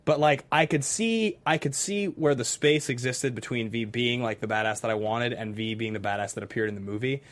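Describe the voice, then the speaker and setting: A man's voice: mid-range voice, brisk, few pauses, fairly bright tone. A man hosting a casual film discussion, chatting in an informal, enthusiastic manner. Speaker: host of a film discussion show. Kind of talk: casual chat.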